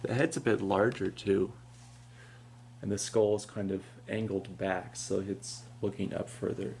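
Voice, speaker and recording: Chill guy showing off props, flat n matter of fact, lots of vocal fry, bit of hum. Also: deep voice, measured pace. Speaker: prop collector presenting his animatronics. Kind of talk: casual product comparison commentary.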